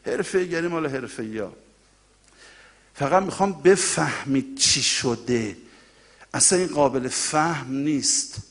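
A male preacher giving a colloquial, impassioned mourning sermon that swells into loud cries and drops to quiet asides to the congregation. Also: mid-range voice, expressive, long pauses. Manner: colloquial, direct address to the congregation.

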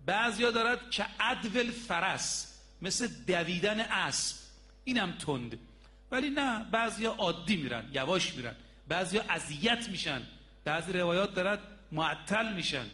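A man's voice: sits high, animated, bright, forceful tone. A man preaching a sermon, telling a story and speaking emphatically to the congregation as brothers and sisters, repeating his key points.

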